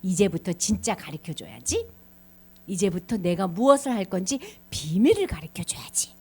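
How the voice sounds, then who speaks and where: A woman voicing a calm, authoritative male teacher in a children's Bible story. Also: moderate pace, breathy edge. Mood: gentle. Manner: gentle and low when explaining, stern when rebuking.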